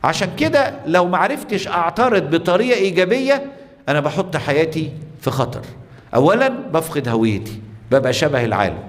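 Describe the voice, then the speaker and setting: A man's voice: a little high, animated, a little fast, in a large hall. A man with an Egyptian Arabic accent, a priest preaching a sermon, telling stories and putting rhetorical questions to the congregation.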